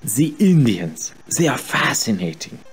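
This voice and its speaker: Game role: earnest, nervy junior academic, halting delivery, very varied pitch. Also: male voice, sing-song, slightly rough, soft background music, heavily acted. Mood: fascinated. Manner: hesitant, earnest, stammering. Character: eager, nervous, bookish junior professor from Vienna. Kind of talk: video game character acting.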